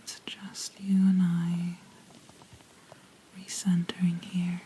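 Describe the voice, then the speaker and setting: A woman gives a whispered ASMR pep talk, close to the mic. Her delivery is very slow and even, with pauses mid-sentence. The soft whisper is dark and gentle, meant to reassure. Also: fairly low pitch, a little hiss or hum, rough recording. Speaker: ASMR host. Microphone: close-up microphone.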